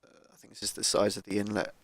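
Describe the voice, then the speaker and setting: Man, low and gravelly with a croaky cold, casual gaming commentary, dry cheap mic. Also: flat delivery, fast talker, no room sound. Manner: thinking aloud, laid-back, with fillers. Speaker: gaming YouTuber. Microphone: cheap microphone.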